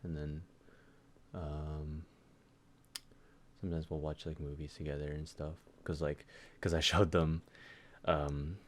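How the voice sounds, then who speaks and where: A man's voice: a bass voice, little pitch movement, takes it slowly, pauses often, slight background noise. A young man co-hosting a podcast, chatting casually in a rambling way with lots of fillers and swearing. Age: young adult. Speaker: podcast co-host. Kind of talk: casual chat.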